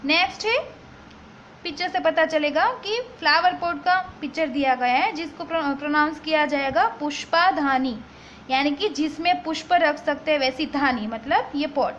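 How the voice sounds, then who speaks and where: A woman's voice: sits high, normal speed, a bit bright. A woman teacher, patiently explaining vocabulary and spelling words out letter by letter. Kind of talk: classroom vocabulary lesson. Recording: slightly dull lo-fi recording with faint background noise.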